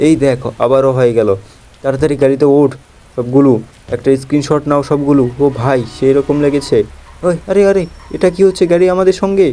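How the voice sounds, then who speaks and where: A young man with a Bengali accent, chatting excitedly as a gameplay host talking to viewers. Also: medium pitch, fast. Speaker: gaming channel host. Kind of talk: playful gameplay commentary.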